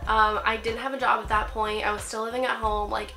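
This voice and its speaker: Fairly high-pitched, gravelly and sharp in tone, her voice moves a little fast with little pitch movement over faint music. She's a young lifestyle vlogger in her twenties, recovering from a cold, giving a casual chatty tutorial from her bed in a small apartment. She stays upbeat and uses "like" often.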